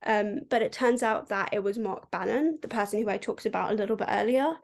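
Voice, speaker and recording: Briskly recapping a book on a podcast she co-hosts, this woman chats casually and fills her talk with "like." Her medium-pitched voice is creaky and darkish.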